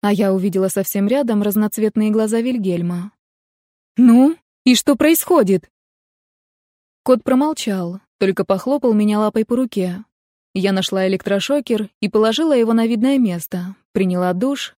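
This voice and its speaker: Brief: woman narrator, first-person audiobook, wry and lively, dry close sound. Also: medium pitch, dry recording.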